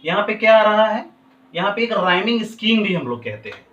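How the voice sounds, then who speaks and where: A male teacher, explaining a poem to a class, who switches between slowly drawn-out English and quicker Hindi. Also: high-pitched, very animated, a bit bright, distant mic, lo-fi sound, a little hiss or hum. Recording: roomy, from off the mic.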